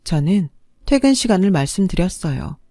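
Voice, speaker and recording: A young adult woman calmly narrating a first-person story in a measured, confiding way. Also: lowish voice, no room sound, clean studio sound.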